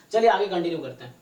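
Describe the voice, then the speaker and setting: A statistics teacher leads a live online math class, explaining each step and frequently checking in with his students. His voice is high and a little mellow, picked up by a distant mic with a roomy echo.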